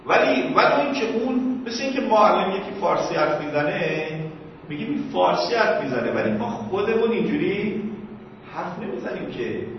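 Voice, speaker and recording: A man's voice: high-pitched, very animated, a little hiss or hum. A man giving an informal religious lesson, answering questions and explaining with examples in a conversational manner. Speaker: religious teacher. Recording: echoey hall, distant mic, dull sound.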